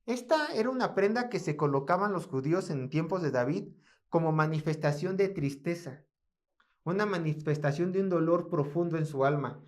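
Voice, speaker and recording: A man with a Mexican Spanish accent preaching a sermon, building to emphatic passages and dropping softly for repeated prayers. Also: on the high side, lively intonation, normal speed. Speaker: pastor.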